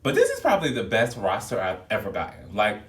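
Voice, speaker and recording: A man with a fairly low voice talks fast, his pitch swooping wildly, with background noise behind him. He's a flight attendant chatting casually and expressively to his viewers in a vlog. It's phone video, shot in an echoey room with the mic held back at a distance.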